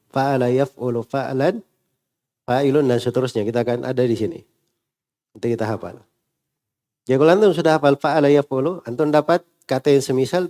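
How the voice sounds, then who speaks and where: A man's voice: medium pitch, warm tone. A man teaching an Arabic grammar lesson, asking the class questions and drilling word endings. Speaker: Islamic teacher.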